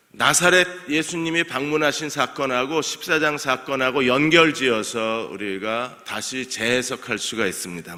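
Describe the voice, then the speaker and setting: A man's voice: medium pitch, sharp tone. A male senior pastor preaching an expository sermon, asking the congregation questions and answering them himself in an emphatic, preacherly way. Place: church sanctuary. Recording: long church-hall reverb.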